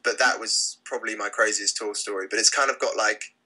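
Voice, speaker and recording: Bright-voiced British man, halting and relaxed. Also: on the low side, low-quality recording. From Britain. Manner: relaxed, hesitant, lots of fillers and restarts. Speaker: lead singer of a rock band. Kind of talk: casual interview.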